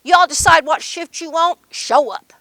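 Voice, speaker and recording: A woman storyteller puts on a hearty businessman from a mountain folk tale. He is brisk and emphatic, with a bright, high-set voice and an Appalachian accent. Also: no echo, heavily acted. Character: brisk male boss offering round-the-clock shift work.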